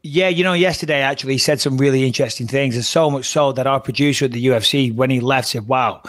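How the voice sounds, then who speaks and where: A man co-hosting a fight podcast, telling stories in an animated, profane way. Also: medium pitch, quick pace. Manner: animated storytelling, heavy swearing. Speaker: podcast co-host and fight commentator. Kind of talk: casual podcast chat.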